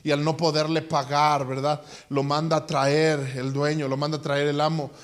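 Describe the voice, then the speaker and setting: Man preacher, high voice, animated sermon storytelling with loud bursts. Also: normal speed.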